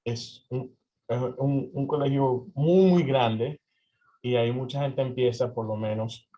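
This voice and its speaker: Mellow-voiced Venezuelan-born man, hesitant. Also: medium pitch, a little slow. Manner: hesitant, many fillers and restarts. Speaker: interview guest. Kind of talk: conversational interview answers. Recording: slightly dull lo-fi audio.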